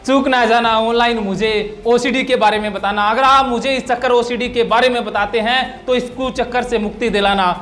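A man's voice: very high-pitched, steady tone, normal speed, few pauses, a bit bright. A man working as a psychological counsellor, giving an emphatic explanatory talk and repeating his key points. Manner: repetitive, emphatic teaching delivery.

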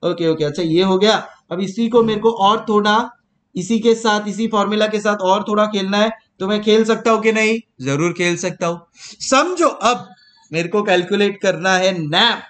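Playful high-voiced teacher. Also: male voice, moderate pace, a bit bright. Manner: teasing and repetitive, mixing Hindi and English. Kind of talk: playful classroom lecture.

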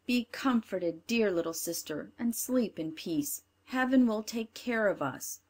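A woman voicing a brave, gentle young boy in a storybook reading, soft and reassuring. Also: medium pitch, lively intonation, a little slow.

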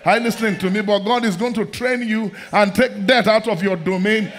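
A middle-aged man preaching a sermon in a large church hall, fervent and repetitive, often breaking into shouts. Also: high voice, a little fast, background noise.

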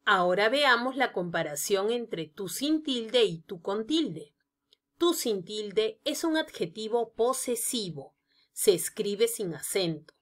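Slow, lively-pitched woman teaching grammar. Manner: slow, deliberate explanation of examples. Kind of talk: scripted grammar lesson narration.

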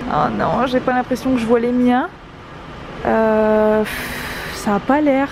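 A woman's voice: on the high side, steady tone, slow. A woman in her twenties vlogging casually, her voice slightly muffled through a face mask. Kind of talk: casual shopping vlog chat. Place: car, then large busy discount store. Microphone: handheld camera at arm's length. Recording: clear background noise, store and vehicle ambience.

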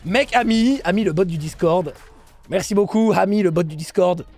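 High creaky-voiced excitable man. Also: moderate pace, faint music behind. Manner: excitable, bursts into shouts, repeats phrases. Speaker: esports team streamer commenting a match. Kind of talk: excited live match commentary.

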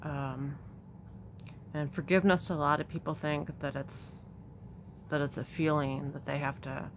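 A middle-aged woman with a low voice reads a prophetic message aloud with deep reverence. She speaks slowly and earnestly in a soft, sincere way, like a devotional host talking to her viewers. A faint hiss of ambient noise sits behind her. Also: flat delivery. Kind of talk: reading a prophecy aloud and discussing it.

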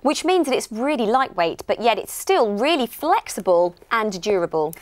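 A woman's voice: a little high, big pitch swings, moderate pace, no room sound. A middle-aged British woman presenting on a shopping channel, giving an enthusiastic, explanatory scripted product demonstration in a studio. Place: TV studio lounge set.

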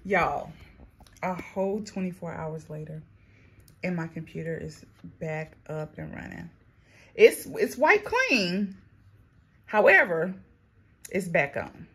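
Chatty woman vlogger, husky low voice. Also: expressive, takes it slowly, pauses often. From North Carolina, USA. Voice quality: talks with retainers in, slightly muffled. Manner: chatty, addresses viewers as y'all and girl. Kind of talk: casual vlog chat.

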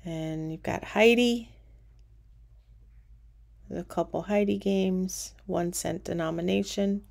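Strolling through a cruise ship casino, a middle-aged woman gives a casual walking-tour narration, relaxed as she points out what she passes. Her voice sits on the low side, slow and creaky.

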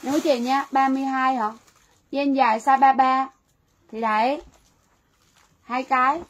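A woman's voice: high-pitched, steady tone, measured pace, low-quality recording. A woman running a livestream sale, talking chattily to viewers and repeating phrases, with faint noise behind her. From Vietnam. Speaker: livestream seller. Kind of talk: livestream sales pitch.

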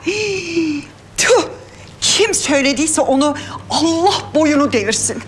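A shrill indignant mother. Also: animated, unhurried, a little hiss or hum. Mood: defensive. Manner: protesting, scolding, theatrical. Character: sharp-tongued middle-aged mother, indignant.

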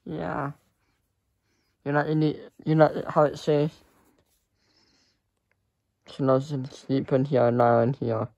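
A young man chatting casually to camera in a halting, rambling way that often trails off. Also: medium pitch, fairly even intonation, mellow, muffled recording. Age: young adult. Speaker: vlogger. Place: small furnished room indoors. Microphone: phone at arm's length.

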